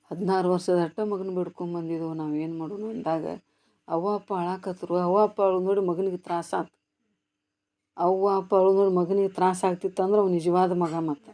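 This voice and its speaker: A woman preaches at a devotional gathering, telling a story and answering her own questions. Her delivery swings between hushed passages and loud, emphatic ones. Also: mid-range voice. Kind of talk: devotional sermon. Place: ashram gathering.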